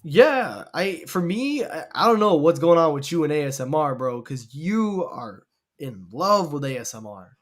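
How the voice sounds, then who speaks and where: A man's voice: on the high side, sing-song, unhurried. Playful young man guesting on a stream. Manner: playful, teasing. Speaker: livestream guest. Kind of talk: casual chat.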